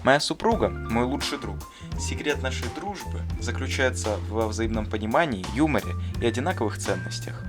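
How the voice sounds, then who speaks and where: In an animated film, a man voices a thoughtful, kindly schoolteacher who talks like a gardener and answers interview questions. His medium-pitched, natural voice is brisk, warm and reflective, explaining earnestly and didactically with bookish phrasing. Clear background music plays behind him.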